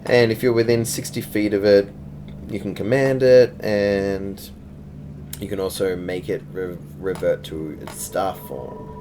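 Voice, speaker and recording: A man's voice: sits low, steady tone, a little slow. A man acting as game master, casually narrating a tabletop game. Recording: clear background noise.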